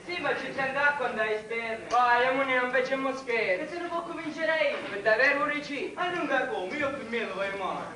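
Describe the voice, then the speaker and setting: A man's voice: very high-pitched, fairly quick, few pauses, crowd noise. A man acting a stubborn, protesting day labourer in a stage comedy, in Sicilian dialect. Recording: echoey hall, far mic, audience noise.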